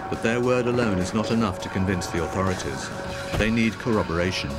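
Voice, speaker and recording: Lowish male narrator, even scripted delivery, music bed behind. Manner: measured, even reading. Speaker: documentary narrator.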